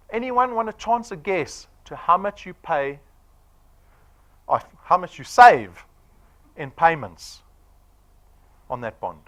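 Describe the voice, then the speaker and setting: A forty-year-old South African man delivers a punchy sales presentation to an audience, firing off rhetorical questions. His voice sits high with a fairly bright tone.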